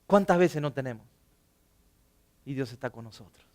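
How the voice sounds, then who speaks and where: A pastor preaching a sermon in a church, animated, swinging between loud bursts and soft asides and acting out the people he quotes. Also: mid-range voice, normal speed. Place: church sanctuary.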